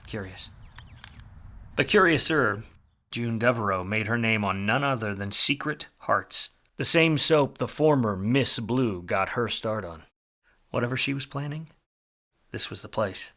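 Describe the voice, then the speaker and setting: In this film noir radio play, a man voices a jaded, hard-drinking, wisecracking 1940s detective, narrating in a wry, brooding mood. His pitch is medium and his intonation lively, though he talks a little slowly with a sharp tone and sardonic, slangy phrasing.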